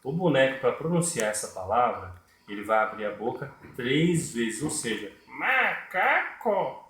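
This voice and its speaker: In an echoey room, a man with a mid-range voice and lively intonation gives a puppetry tutorial at a moderate pace, explaining step by step and repeating his points.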